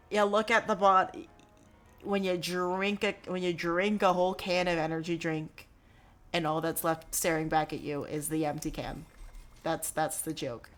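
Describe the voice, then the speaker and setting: A woman's voice: fairly low pitch, a bit bright. A woman in her twenties chatting casually on a live stream while gaming, rambling with lots of fillers and offhand swearing. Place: her dorm room.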